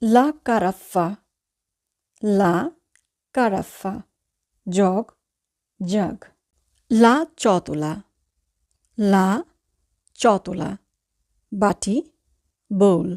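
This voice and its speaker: A woman's voice: mid-range voice, extremely slow, pauses often, a little mellow. A woman with a Bangladeshi Bengali accent teaching vocabulary, saying each word twice and then translating it. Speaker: language teacher. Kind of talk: slow vocabulary lesson.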